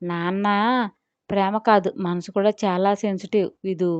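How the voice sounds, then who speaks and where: Woman voicing a curt, moody young woman in an audio story; clear smooth tone, dry muffled mic. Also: medium pitch, flat delivery, moderate pace, a little mellow, no echo, close to an everyday voice. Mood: moody, soft. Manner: curt, scolding. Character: moody young woman, sharp but affectionate.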